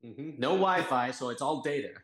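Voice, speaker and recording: A man's voice: mid-range voice, lively intonation, a bit bright. A man co-hosting a podcast, joking along casually, his voice echoing off the bare walls and floors of an empty new home. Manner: playful, quick jokey asides. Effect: roomy echo from a bare room. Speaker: podcast co-host. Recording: echoey empty room.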